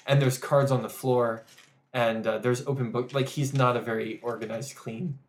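A man's voice: mid-range voice, steady tone, normal speed. A man narrating a tabletop game as game master, rambling with many fillers.

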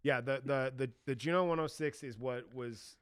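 A man's voice: medium pitch, moderate pace, clear, resonant tone, no room sound, clean studio sound. A man co-hosting a podcast, thinking aloud in casual chat with hesitant restarts. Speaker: podcast co-host.

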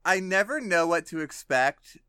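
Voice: mid-range voice, lively intonation, unhurried, bright, forceful tone, clean tone, no echo. A podcast co-host chatting casually, teasing their partner with dry, wry commentary. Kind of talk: casual chat.

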